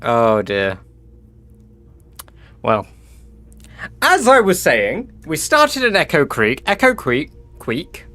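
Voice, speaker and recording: A man's voice: fairly high pitch, wildly swooping pitch, takes it slowly, pauses often, sharp tone, soft background music. A man livestreaming a game in casual, sweary chat, saying w for r. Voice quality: cannot pronounce R's, says w for r. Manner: informal, sweary.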